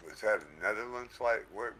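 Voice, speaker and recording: A man's voice: on the low side, expressive, brisk, pushed and bright, faint music behind. A man hosting a livestream through a headset mic, casual and easygoing, often thanking his viewers. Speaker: livestream host.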